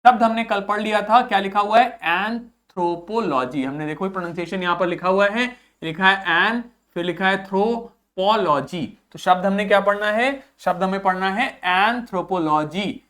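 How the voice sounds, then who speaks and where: A man's voice: high voice, moderate pace, few pauses, fairly bright tone. A man teaching an online English vocabulary lesson in Hindi mixed with English. He repeats each word several times to drill its pronunciation.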